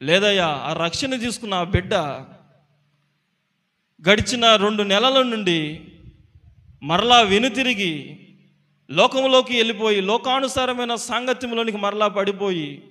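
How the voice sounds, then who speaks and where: A man's voice: sits high, bright, forceful tone, big-room sound, full character voice. A man relaying a grieving mother's lament. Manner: pleading, repetitive lament. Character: grieving mother pleading to a preacher.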